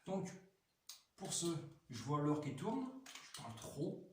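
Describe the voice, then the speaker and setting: A man's voice: fairly high pitch, big pitch swings, slow pace, darkish tone. A talkative man rambles through a toy review, full of hesitations and restarts. His voice bounces around a very echoey room, picked up from a distance with a faint hiss underneath. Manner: chatty, full of fillers and restarts, enthusiastic.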